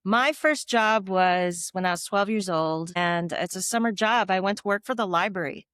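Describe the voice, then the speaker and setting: A middle-aged woman from the Philippines, formerly a tech executive, gives articulate, reflective interview answers, laughing lightly now and then. Her medium-pitched voice is clean and fairly bright at a moderate pace, recorded in clean studio sound with no room tone.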